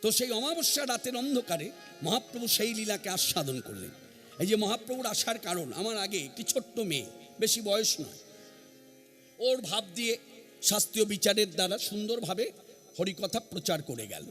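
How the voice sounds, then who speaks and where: High-voiced, lively man preaching. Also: normal speed, soft background music. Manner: earnest, emphatic, repeats key phrases. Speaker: kirtan singer and preacher. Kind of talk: devotional sermon at a gathering. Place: standing before an assembly.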